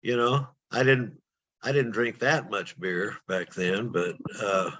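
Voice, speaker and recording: A man's voice: lowish voice, steady tone, slow, a bit bright. A man in his seventies telling a rambling story with laughs on a video call. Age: 70s. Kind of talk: casual video call chat. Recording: dull lo-fi call audio.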